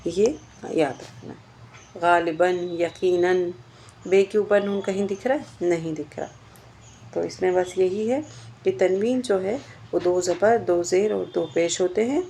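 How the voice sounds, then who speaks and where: A woman's voice: lowish voice, gravelly, warm tone, a little hiss or hum. A woman teaching a grammar lesson, explaining step by step and asking questions that she then answers herself. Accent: Indian Urdu.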